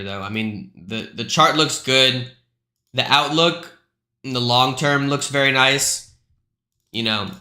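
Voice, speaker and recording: Bright-sounding guy rambling through charts on a live stream, echoey room, laid back and chatty. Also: medium pitch. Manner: loose and chatty, full of fillers and asides. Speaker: crypto live stream host.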